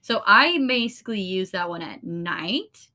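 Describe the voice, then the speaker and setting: A woman's voice: medium pitch, lively intonation, a little slow, bright, forceful tone. A woman co-hosting a podcast as an esthetician, chatting casually with lots of fillers, giggles and the odd swear word. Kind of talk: casual chat.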